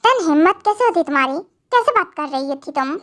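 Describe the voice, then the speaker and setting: A woman's voice: very high voice, animated, fairly quick, fairly bright tone. A woman voicing a possessive, teasing young man in a fan audio drama. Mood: controlling. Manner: teasing, taunting.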